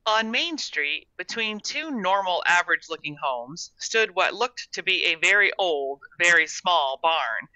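A woman narrates a storybook with an animated, expressive delivery and a very bright tone. The recording is dry and close, with a dull, lo-fi sound. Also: lowish voice, a little slow, few pauses, dry recording. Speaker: author reading her own story.

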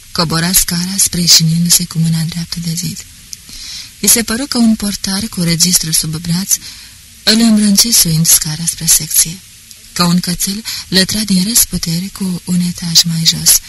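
An audiobook narrator reading a classic novel in a steady, measured way. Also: medium pitch, husky, low-quality recording. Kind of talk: scripted literary narration.

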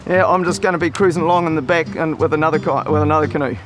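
A man's voice: on the high side, steady tone, very fast, over music. A middle-aged man with a broad New Zealand accent, chatting casually and explaining things as a river guide outdoors. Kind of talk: casual instructional chat.

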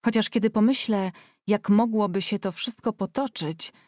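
A woman's voice: mid-range voice, normal speed, a little mellow, no room sound, clean studio sound, voice pushed up, lightly acted. A woman reading an audiobook voices a shy, devout young woman who lisps slightly like a child. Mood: timid.

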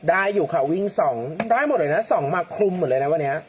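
A man hosting a lottery livestream, chatting casually, reading out viewer comments and using soft feminine polite particles. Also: on the high side, expressive, fast, slight background noise. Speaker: lottery-number livestream host.

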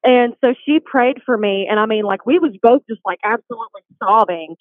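A woman's voice: fairly high pitch, a little fast, no echo. A woman telling her faith story in a casual, chatty way, full of "like", as a guest on a call. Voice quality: chatty, heavy use of "like". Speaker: guest, boutique shop worker. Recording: tinny phone line, dry.

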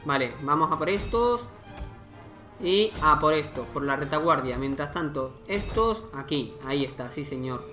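A man's voice: on the high side, expressive, moderate pace, pushed and bright, faint music behind. Chatty man narrating his strategy game. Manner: chatty, thinking aloud, exclaiming. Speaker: gaming YouTuber. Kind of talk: casual let's-play commentary.

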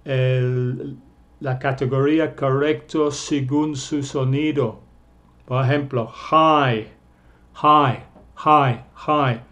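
Very slow-talking teacher, man. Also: on the high side. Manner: repeats vowel sounds many times, stressing them louder; slips and corrects himself. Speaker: English teacher. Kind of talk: slow vowel-drill lesson for Spanish speakers.

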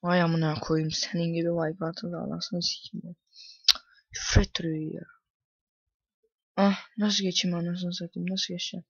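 Teen male gamer, ranting commentary, breathy, dry muffled home recording. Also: high voice, flat delivery, moderate pace, pauses often, dry recording. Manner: frustrated, swears often, rants at the game. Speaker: gaming YouTuber. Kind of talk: casual gameplay commentary.

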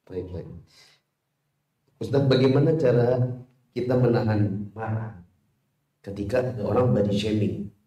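A man reading out a question to a preacher at a religious talk, in a measured way. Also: lowish voice, warm tone. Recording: very echoey hall.

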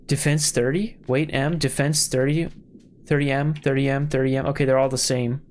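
A man's voice: medium pitch, normal speed, a little hiss or hum. A young man giving casual, exclamatory let's-play commentary as a gaming host. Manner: excitable, exclamatory. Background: game music.

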